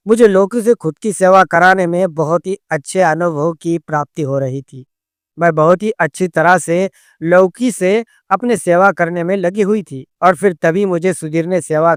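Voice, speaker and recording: A man reading a first-person story as narrator in a steady, scripted storytelling manner on a close mic. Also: a little high, clear, resonant tone, dry recording.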